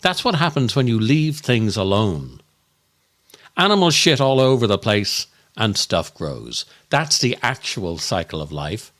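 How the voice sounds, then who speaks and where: A podcast host performs a scripted comic monologue in a grumpy, exasperated, mock-appalled and deliberate manner. His voice sits on the low side, with a sing-song lilt and a fairly bright tone.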